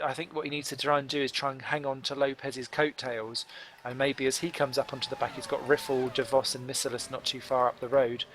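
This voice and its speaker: A man's voice: mid-range voice, fairly bright tone, a little hiss or hum. A man doing live commentary on a sim race, analytical and wordy with dry humour.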